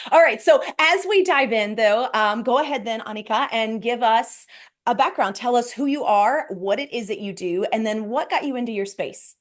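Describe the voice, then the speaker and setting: A woman hosting a podcast, talking with bright, energetic enthusiasm. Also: a little high, normal speed. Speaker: podcast host. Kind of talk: upbeat podcast intro and interview. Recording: loud music under the intro.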